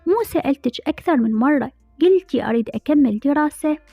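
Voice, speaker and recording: A woman's voice: high-pitched, expressive, fast talker, mellow, no echo. A woman with an Iraqi accent voicing a caring young man on the phone who presses with urgent questions. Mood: alarmed. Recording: dull lo-fi recording with faint music.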